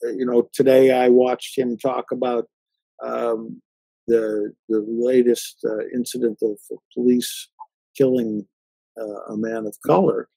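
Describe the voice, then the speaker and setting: A man hosting a conversational interview, talking haltingly with many fillers and restarts. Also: medium pitch, flat delivery, gravelly, dark tone, husky, no echo, poor audio. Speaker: interview host.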